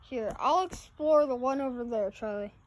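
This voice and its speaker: A woman chatting casually while filming a walk through overgrown grounds and derelict buildings on a handheld phone, now and then dropping into hushed asides. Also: a little high, normal speed. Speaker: vlogger exploring an abandoned farm. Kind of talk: casual handheld exploration vlog. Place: outdoors in an overgrown rural yard and derelict buildings. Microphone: phone camera held by the speaker.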